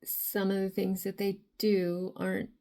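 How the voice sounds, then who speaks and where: Slow, gravelly-voiced woman reading tarot. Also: mid-range voice, monotone, warm tone. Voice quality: raspy. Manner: rambling, frequent filler phrases. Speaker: tarot reader.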